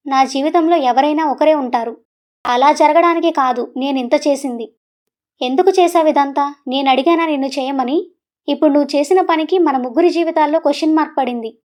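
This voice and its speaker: A woman's voice: high-pitched, a little mellow, natural voice. A woman voicing a young man, an earnest and troubled husband, in a serious, pleading way.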